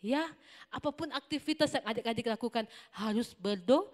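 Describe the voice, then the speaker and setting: A woman teaching a children's Sunday school Bible lesson in an animated way, quizzing the children with questions. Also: on the high side, moderate pace. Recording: long hall reverb.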